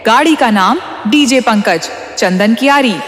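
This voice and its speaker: Read it as a station announcer over the PA: formal and even, a woman's voice, fairly high, with long hall reverb. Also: unhurried, over music. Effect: railway station public address announcement.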